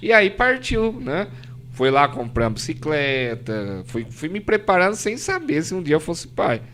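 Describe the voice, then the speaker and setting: With slight background noise, a man whose voice is a little high, expressive, and fairly bright recounts a faith story at a moderate pace. He's a podcast guest from the São Paulo interior with that Brazilian Portuguese accent, earnestly mimicking quoted voices and tagging "né?" often in this emotional, casual testimony.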